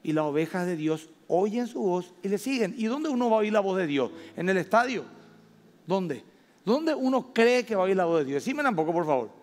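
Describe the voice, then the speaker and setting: A man with a Paraguayan Spanish accent preaching a sermon as pastor, stressing words slowly and rising loud at his high points. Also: big pitch swings. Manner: emphatic preaching with slow drawn-out stresses and sudden loud rises. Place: church hall. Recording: long reverb of a church hall.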